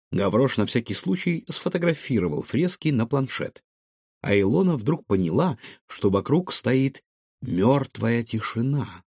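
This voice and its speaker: A man narrating a children's storybook in an expressive way. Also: on the low side, husky, dry recording, studio quality. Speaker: audiobook narrator.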